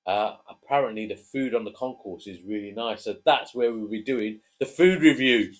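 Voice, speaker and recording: Chatty dad hosting. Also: male voice, lowish voice, moderate pace. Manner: chatty, jokey, prompts his co-host. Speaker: co-host, father. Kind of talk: casual chat.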